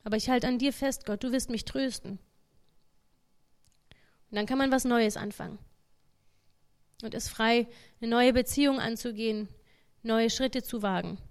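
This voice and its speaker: A woman speaks in an earnest, conversational way, like a lay preacher giving a short devotional talk. Her voice sits a little high, and she keeps it plain and direct. Now and then she voices the thoughts of an imagined believer. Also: fairly even intonation, normal speed, pauses often.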